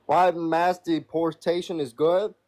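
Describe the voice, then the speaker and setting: A man's voice: on the high side, level tone, slow pace, darkish tone. A man calling into a live debate over a video call, talking bluntly and crudely. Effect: heard over a video call. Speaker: caller in a live debate stream. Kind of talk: casual argument.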